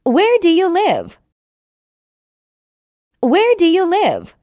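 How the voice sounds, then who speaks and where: A friendly woman learner in a scripted practice dialogue, read by a woman. Her voice is high and lilting, with a wide swing in pitch. She speaks very slowly and shapes each word with care. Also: wildly swooping pitch, warm tone, no room sound, studio quality, full character voice. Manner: slow, carefully enunciated, each line said twice. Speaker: dialogue reader.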